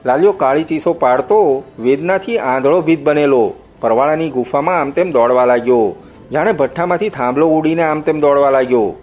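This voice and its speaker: A man's voice: fairly high pitch, a little mellow. Man narrating a dramatic adventure novel. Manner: vivid, dramatic first-person storytelling. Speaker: audiobook narrator.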